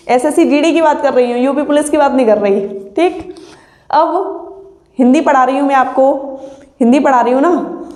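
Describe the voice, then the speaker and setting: A woman with a Hindi accent teaching an exam-prep grammar lesson, explaining slowly with examples and often checking that the listener follows. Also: high-pitched, dark tone. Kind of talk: online exam coaching lesson. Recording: echoey room.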